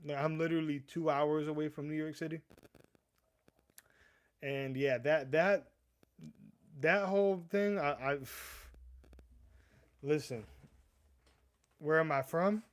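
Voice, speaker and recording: This is a young East Coast American hosting an informal livestream, speaking slowly with long pauses in a fairly high, steady voice. His talk rambles, full of stammers and false starts, and he keeps calling the viewers "bro."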